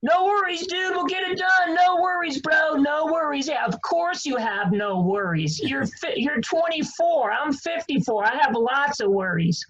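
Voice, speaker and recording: A man's voice: extremely high pitch, lively intonation, a little slow, hardly any pauses, fairly bright tone, dull audio. A man in his fifties delivering a dry stand-up monologue. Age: 50s. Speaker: comedian.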